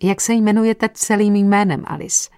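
A woman reading the part of a tall male paramedic who speaks gently and reassuringly in an audiobook. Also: mid-range voice, steady tone, clean tone, no room sound, studio quality, pitched above the performer's own voice, natural voice. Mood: calm.

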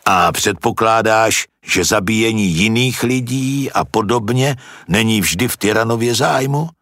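A man voicing a calm, patient old philosopher who reasons through questions, in a storybook reading. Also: lowish voice, no room sound, clean studio sound. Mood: probing.

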